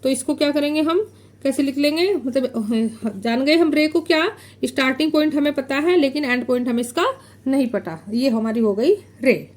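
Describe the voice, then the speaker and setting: A woman teaching a maths lesson. She explains step by step while drawing, poses questions and answers them herself, and repeats key terms slowly. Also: high voice, darkish tone. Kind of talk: classroom lesson explaining geometry.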